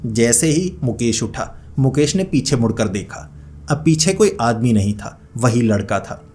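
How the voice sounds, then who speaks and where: A man's voice: mid-range voice, darkish tone, a little hiss or hum. A man narrating a horror story in a conversational way, repeating phrases to build suspense. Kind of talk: casual spoken horror narration.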